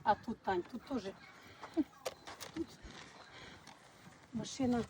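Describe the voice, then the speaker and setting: A woman's voice: a little high, takes it slowly. Chatty woman vlogging on a noisy street. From Ukraine. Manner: chatty, affectionate, addresses viewers fondly. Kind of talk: casual vlog, touring a village. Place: outdoors in a village.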